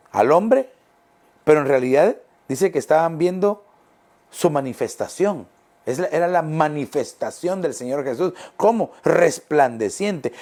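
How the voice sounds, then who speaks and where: A middle-aged male pastor preaching a sermon, emphatic, repeating phrases and slowing down on key words. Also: fairly high pitch, a little mellow.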